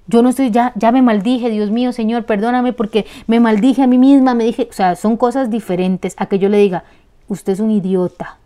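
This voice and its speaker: Brief: Costa Rican woman host, outspoken and lively, voice on the higher side. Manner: blunt, animated and colloquial. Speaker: spiritual talk host. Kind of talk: casual spiritual teaching talk.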